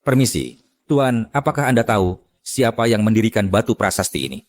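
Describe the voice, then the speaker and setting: A man's voice: on the low side, sing-song, fairly quick. A man dubbing a shrewd, confident middle-aged clan patriarch and father-in-law. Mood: probing. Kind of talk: dubbed drama acting.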